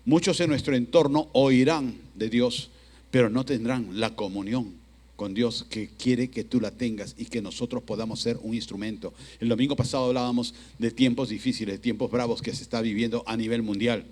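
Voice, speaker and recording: A man preaching a language sermon as pastor, emphatic and lively, acting out excuses in quick quoted asides. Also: medium pitch.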